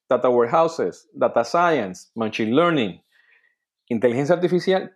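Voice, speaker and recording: A man talks through a topic in a teaching manner. His pitch sits in the middle of the usual range, and he keeps checking in with "ok?" and "no?" as he goes. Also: darkish tone. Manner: peppers sentences with "¿ok?" and "¿no?", restarts words. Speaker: data quality speaker. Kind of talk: explanatory talk.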